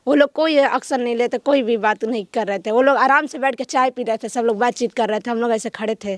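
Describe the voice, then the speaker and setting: Casting high-voiced woman, grieving aunt, firm and blunt, dry sound. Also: fast talker, no echo. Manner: firm, demanding justice. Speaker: victim's aunt. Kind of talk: interview answers.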